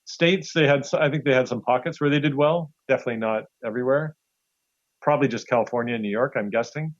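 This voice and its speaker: Speaking quickly at a medium pitch, a man chats casually as an interview guest, sharing anecdotes and acting out other people's lines. There's no echo, though the audio is slightly dull and lo-fi.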